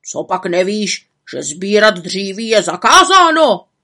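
A woman's voice: mid-range voice, very animated, sharp tone, heavily acted. A woman doing a blustering forester. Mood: scolding. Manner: barking, scolding and blustering. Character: gruff new male forester, bossy and blustering. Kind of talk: storybook reading.

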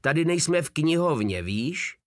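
A man plays a loud, swaggering soldier who mocks everyone around him. He speaks in a coarse, raised voice that swings up and down a lot. The sound is dry and close. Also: fairly high pitch, lively intonation, no room sound, pitched above the performer's own voice, natural voice. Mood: mocking. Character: brash crude rowdy soldier.

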